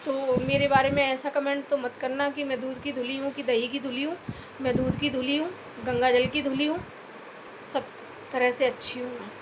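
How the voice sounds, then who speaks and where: Woman vlogger, high pitched, scolding, pleading, faint background ambience. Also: level tone, normal speed, background noise. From Uttar Pradesh, India. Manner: scolding, repeatedly addressing listeners as "bhai"; earnest, pleading for comments. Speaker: YouTube vlogger. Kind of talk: direct-to-camera commentary rant.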